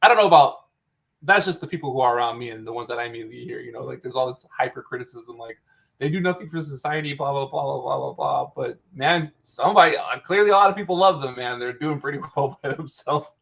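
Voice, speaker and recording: A man's voice: medium pitch, vocal fry, fairly bright tone. Easygoing man chatting over a call. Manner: easygoing, filler-heavy, quick to laugh. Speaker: co-host. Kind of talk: casual reaction chat. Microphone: video call.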